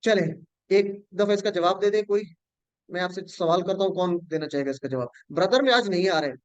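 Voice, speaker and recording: Man, online teacher, patient, slow drilling, high pitch, dry close sound. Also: clear, resonant tone, no echo, lo-fi sound. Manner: patient, drills word patterns slowly with students.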